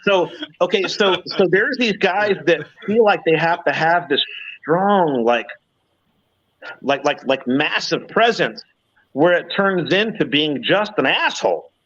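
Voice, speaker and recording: A man's voice: fairly high pitch, expressive, measured pace, a bit bright. Stammering man, fifties, on a dull stream. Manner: storytelling with frequent stammered restarts. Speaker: panelist. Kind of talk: casual live panel talk.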